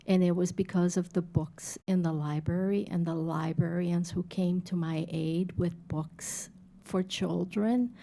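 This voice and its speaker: A woman on an arts commission, making a slow, deliberate, heartfelt comment at a public meeting. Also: fairly low pitch, fairly even intonation, creaky, mellow. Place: city council chamber.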